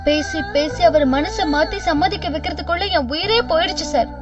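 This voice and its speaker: A woman's voice: high voice, brisk, music in the background, close to an everyday voice. An actress playing a dutiful unmarried woman in her thirties who speaks earnestly and respectfully, in a television serial. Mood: pained. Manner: pleading, respectful, repeatedly says "sir". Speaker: lead character in a TV serial. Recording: distant dull TV audio with background score.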